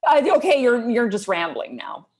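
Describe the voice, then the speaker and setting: A woman's voice: on the high side, very animated, normal speed. Woman doing a dry sarcastic doctor lady, voice all over the place. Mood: irritated. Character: blunt, sarcastic woman doctor holding a knife. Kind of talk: audio drama acting.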